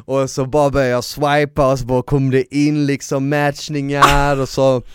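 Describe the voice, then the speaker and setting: A man co-hosting a podcast, chatting casually and telling stories in a lively way, dropping in English phrases. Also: medium pitch, very noisy. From southern Sweden. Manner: animated storyteller, slangy, mixes in English phrases. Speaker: podcast co-host. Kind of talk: casual chat.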